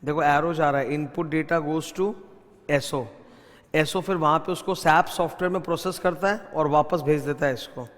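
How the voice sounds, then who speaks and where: A man with an Indian English accent gives an exam revision lecture on auditing. He keeps quizzing his students and slips between Hindi and English. His voice sits fairly high, and a long reverb trails after it. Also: normal speed, a bit bright. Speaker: audit teacher.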